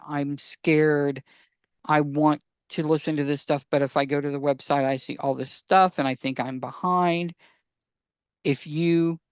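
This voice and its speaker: In a clean studio recording with no room sound, a man with a slightly high, clear, resonant voice co-hosts a podcast. He chats casually, eagerly explaining his recommendations and answering his own questions.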